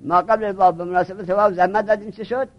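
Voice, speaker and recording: A man's voice: sits high, steady tone, muffled recording. A man teaching a grammar class, questioning his students and repeating points until they get them.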